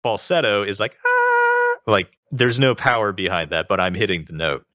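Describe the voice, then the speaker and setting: A man with a very low voice that still has a bright, forceful edge. He is a guest in a casual interview. He talks at length, leaning on filler words as he explains. The sound is close and dry. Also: lively intonation, fairly quick, no echo. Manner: talkative, explains at length with lots of "like".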